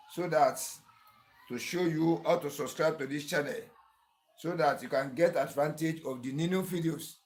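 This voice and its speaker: A man with a Nigerian accent hosting a sharpening tutorial, talking in an earnest, repetitive, pleading way. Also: fairly high pitch. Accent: Nigerian English. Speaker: clipper-blade sharpening tutor and channel host. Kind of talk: tutorial narration.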